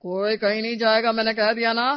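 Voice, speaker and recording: A woman's voice: mid-range voice, fairly even intonation, moderate pace, dry recording, lightly acted. A woman voicing a grumpy, proud and stingy old father-in-law who scolds and dismisses everyone, in a storybook tale. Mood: scolding. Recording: dry, slightly dull recording.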